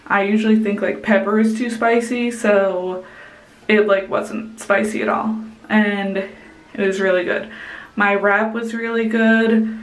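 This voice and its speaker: A young woman talks straight to a camera at arm's length, giving a casual restaurant review. Her voice sits in an ordinary middle register, full of "like" and "um". The small room around her is noticeably echoey. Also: mid-range voice. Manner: chatty, heavy use of "like" and "um". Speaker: vlogger. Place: indoors, small room with plain wall.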